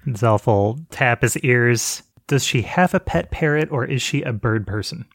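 A man playing a tabletop game, eagerly planning moves out loud. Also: medium pitch, measured pace, gravelly, no echo. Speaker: player. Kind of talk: casual tabletop play.

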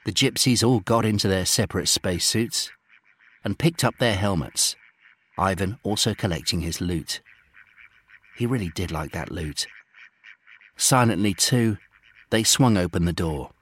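A man reading a children's space adventure aloud in steady, gently dramatic storybook narration. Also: sits low, unhurried, long pauses, a little hiss or hum.

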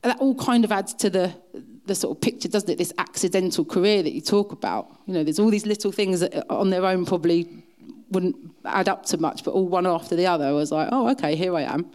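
Appearing as an interview guest, a middle-aged woman from south-east England with an Essex accent rattles off self-deprecating anecdotes in casual chat. Her voice is lowish and darkish in tone, and she talks fast.

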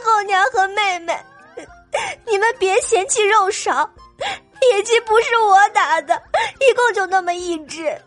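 A woman's voice: extremely high pitch, a little slow, faint music behind. A woman playing a sly young village girl who sobs through her lines in an audio drama. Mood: tearful pleading. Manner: sobbing.

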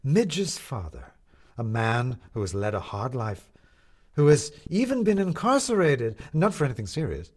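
A man reading a story, voicing a grandiose male showman who milks a crowd with drawn-out proclamations. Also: big pitch swings, darkish tone. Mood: theatrical. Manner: theatrical, booming, drawn-out proclamations.

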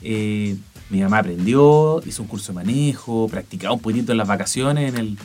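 A man's voice: on the low side, lively intonation, a little fast, darkish tone. A man in his forties with a Chilean accent, co-hosting a podcast and telling anecdotes in casual chat. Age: 40s. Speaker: podcast co-host.

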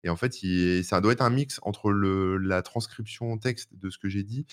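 A man's voice: lowish voice, moderate pace. A man co-hosting a tech podcast in casual chat, talking in a hesitant way with many fillers and restarts. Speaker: podcast co-host.

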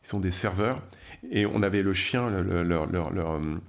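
A man's voice: low voice, moderate pace, creaky. A middle-aged man from France, a guest telling his career story in a chatty way, with many fillers and restarts. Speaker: guest, media founder. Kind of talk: interview storytelling.

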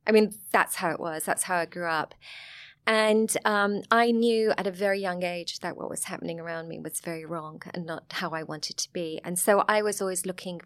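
A middle-aged Englishwoman with a Sussex accent chats frankly and lightly as an interview guest, laughing often. Her voice is lowish and a bit bright, and her pace is moderate.

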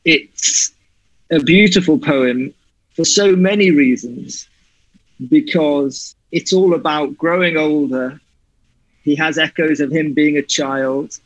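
In a poetry reading followed by a conversational interview, a Welsh guest with a light accent speaks earnestly and reflectively about his poem over a video call. His voice runs on the high side, with no room sound, and the dry online audio is slightly muffled.

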